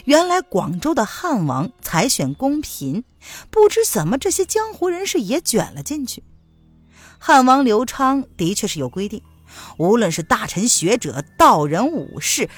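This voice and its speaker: Lively woman storyteller, bright voice. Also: on the high side, no room sound. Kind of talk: martial-arts novel narration.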